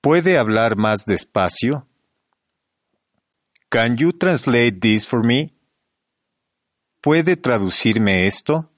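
Slow, deliberate man teaching. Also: medium pitch, lively intonation, dry recording, studio quality. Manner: slow, deliberate, evenly paced delivery. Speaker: language teacher. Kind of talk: reading bilingual phrase drills.

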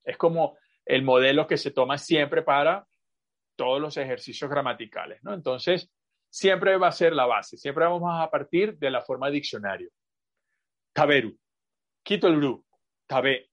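A man teaching a language class over a video call, explaining patiently with examples, asides and many fillers. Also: a little high. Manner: drawn-out, repetitive phrasing with many fillers.

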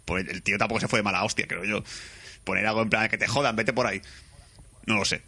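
A man from Spain with a Spain Spanish accent, excitedly reviewing a film in casual chat, swearing and acting out scenes. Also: on the low side, quick pace, breathy edge. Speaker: podcast co-host.

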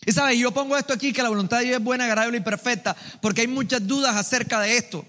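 A man preaching a sermon to a congregation, lively and colloquial, with joking asides, calling on the listeners to answer back. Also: very high-pitched, fast talker. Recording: long hall reverb.

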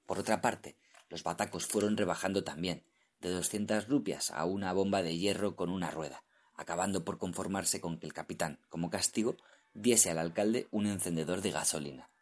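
Low husky male audiobook narrator. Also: normal speed.

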